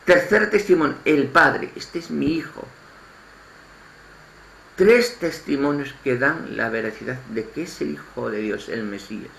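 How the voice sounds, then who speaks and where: A man from Spain with a Spanish accent giving an informal spoken sermon, halting and restarting his phrases and repeating words as he goes. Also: medium pitch, vocal fry, a bit bright, a little hiss or hum. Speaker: lay preacher. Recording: echoey room, faint ambience.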